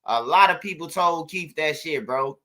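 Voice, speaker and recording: A man talks through street news in loose, casual commentary, blunt and repetitive. His voice is bright and forceful and sits a touch high. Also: animated, moderate pace.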